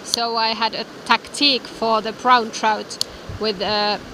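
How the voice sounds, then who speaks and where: A young woman speaks slowly into a handheld camera by a river. Her voice sits a little high, and her talk is relaxed and enthusiastic. Steady wind noise and background music run behind her outdoor recording. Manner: relaxed, enthusiastic, repeats words. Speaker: fly fishing vlogger. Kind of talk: casual outdoor vlog talk. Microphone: handheld camera close to her face.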